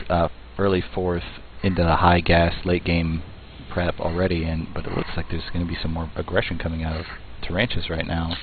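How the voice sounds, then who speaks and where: A man giving play-by-play commentary on a strategy game match, talking in a measured way with fillers and restarts. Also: deep voice. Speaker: esports caster. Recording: tinny phone-like line, faint noise.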